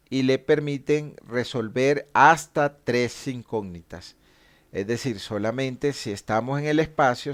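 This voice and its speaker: A man teaching a statics class, explaining equations patiently and stopping to correct his own mistakes. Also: mid-range voice.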